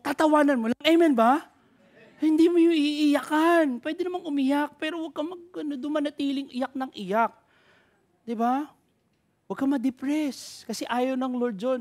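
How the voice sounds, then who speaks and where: High-voiced Filipino pastor preaching. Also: male voice. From Philippines. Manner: energetic preaching with repeated call-outs to the congregation; switches between Tagalog and English mid-sentence. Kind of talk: sermon. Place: church.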